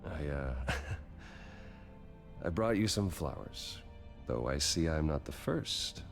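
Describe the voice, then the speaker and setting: An actor playing Bruce Wayne, a calm and guarded rich young man, in a video game. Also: rumbling low, slow, gravelly, soft background music, exaggerated voice. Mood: reassuring.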